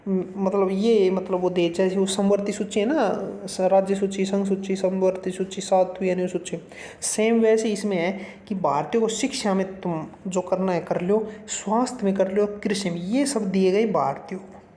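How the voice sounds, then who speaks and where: Speaking at a moderate pace in a steady, high, mellow and warm voice, a man gives a relaxed exam-prep class in an echoey room. He keeps things folksy and talkative, calling the viewer "brother" and slipping English terminology into his Hindi.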